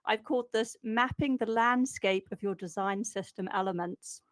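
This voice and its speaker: A woman's voice: medium pitch, normal speed, no room sound. A woman with a New Zealand accent co-hosting a casual podcast, playful and laughing often as she runs a quiz. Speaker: podcast co-host.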